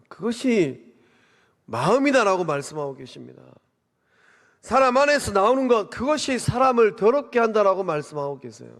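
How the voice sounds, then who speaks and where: A man's voice: high-pitched, vocal fry. A man preaching a sermon as a pastor, asking rhetorical questions and swelling up to emphasize his points. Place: church sanctuary. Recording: long reverb of a church hall.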